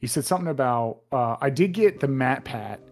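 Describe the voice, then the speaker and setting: A man's voice: medium pitch, animated, brisk, darkish tone. A young man in casual chat with his brother, rambling as he retells scenes from a game. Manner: rambling, retells scenes with put-on voices and laughs. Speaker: co-host.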